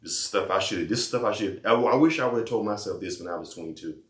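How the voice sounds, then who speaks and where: Deep-voiced guy preaching life advice, blunt and slangy, says stuff twice, echoey room. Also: fast talker, a bit bright. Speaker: vlogger giving life advice. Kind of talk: casual advice monologue and phone chat.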